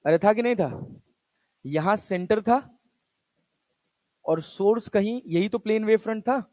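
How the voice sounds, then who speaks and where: An unhurried man with a high, darkish voice gives a physics class lecture, recorded with no echo. In casual Hindi mixed with English terms, he fires questions at the students and answers them himself.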